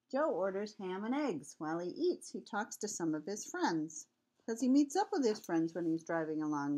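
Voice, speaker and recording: A sweet older grandmother with a lowish, mellow voice reads a children's picture book aloud in a homely, chatty way. She has a cold and coughs.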